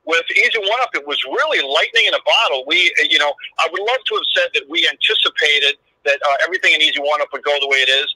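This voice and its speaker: A man's voice: fairly high pitch, big pitch swings, fast talker, vocal fry, hardly any pauses, bright, forceful tone. A middle-aged man, a business owner, talking in an upbeat, loose way with many fillers and restarts, his voice coming from a phone held up to a microphone. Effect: voice from a phone held up to the mic. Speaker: business owner guest on a webinar. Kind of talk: casual pitch-style webinar talk. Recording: tinny phone speaker re-recorded, distant.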